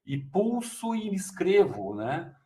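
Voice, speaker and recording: A man in a casual discussion, halting as he searches for words. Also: high-pitched, big pitch swings, warm tone.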